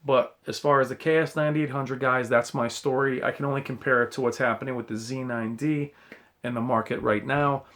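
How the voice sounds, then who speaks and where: A man's voice: medium pitch, steady tone, brisk, a bit bright. A man giving a casual, rambling opinion monologue as a YouTube tech reviewer, addressing viewers directly with blunt, earnest cautionary advice and some mild swearing, over a faint recording hiss.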